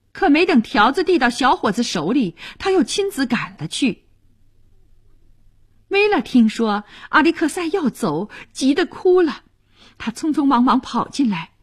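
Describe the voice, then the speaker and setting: A woman narrating a radio story in an expressive, dramatic way. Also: fairly high pitch, breathy edge.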